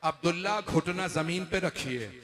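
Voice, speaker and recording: A male preacher voicing a dignified, grieving man who calls out orders, loud and drawn out. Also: fairly high pitch, moderate pace, crowd noise, natural voice. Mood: commanding.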